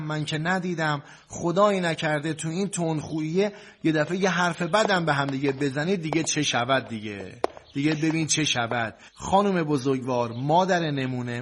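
A man playing a cleric counselor who gives preachy, soothing advice to a couple in long, repetitive lists. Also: fairly high pitch. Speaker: cleric marriage counselor in a sketch. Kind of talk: comic sketch, preachy advice.

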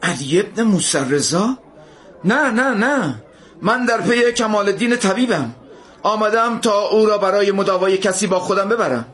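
An earnest young male traveler from a storybook, struck by grief, speaks in a high, breathy voice that trembles. A man acts him out while narrating. The voice sits well above an ordinary man's and has an airy, husky edge. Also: expressive, fairly bright tone, full character voice. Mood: anxious.

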